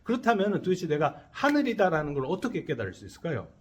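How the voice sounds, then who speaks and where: Man, Buddhist monk, sermon in a temple hall, fairly high voice, very animated pitch, call-and-response questions. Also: quick pace. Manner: asks the audience questions and answers them himself; leads the congregation in call-and-response repetition. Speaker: Buddhist monk giving a dharma talk. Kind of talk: sermon to a live congregation.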